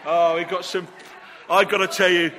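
A man's voice: sits high, level tone, moderate pace. A man preaching an all-age sermon in a church, telling the story playfully, joking and coaxing volunteers to act it out. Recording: long church reverb, faint background noise.

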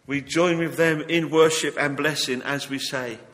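Bright-voiced preacher in a reverberant hall. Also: male voice, a little high, fairly even intonation. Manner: earnest, rhetorical, deliberate phrasing. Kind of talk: sermon delivered to a congregation. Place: church, speaking to a congregation. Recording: long echo of a large hall.

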